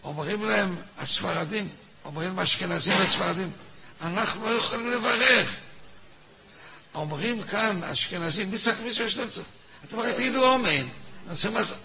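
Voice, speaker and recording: A man's voice: sits high, gravelly, a loud crowd. A man teaching a weekly religious class, acting out both sides of a debate and firing questions at his listeners. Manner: animated, acts out both sides of a halachic dispute; repeats words, asks the audience questions. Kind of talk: lively Torah lesson with a class.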